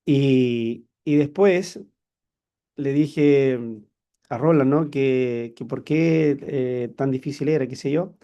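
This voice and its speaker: A man with a Chilean accent preaching a sermon as a personal story, animated and exclaiming often. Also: mid-range voice, slow, clean tone, highs cut off. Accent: Chilean Spanish. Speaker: church leader preaching.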